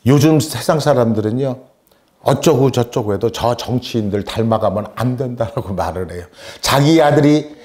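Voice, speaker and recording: A man's voice: mid-range voice, a little mellow. A male pastor giving a sermon, emphatic and full of rhetorical questions and short asides to the congregation.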